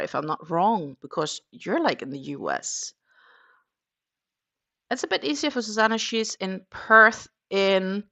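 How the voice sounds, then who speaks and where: Bright and forceful, a mid-range female voice leads a relaxed English-language crochet livestream in the morning. She comes from Denmark and chats in a rambling way, full of fillers.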